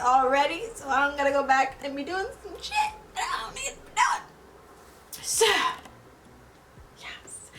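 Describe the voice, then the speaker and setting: A woman's voice: high-pitched, sharp tone, a little hiss or hum, rough recording. A young woman chatting casually through a get-ready-with-me beauty vlog, loose and talky with slang and fillers. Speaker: beauty vlogger.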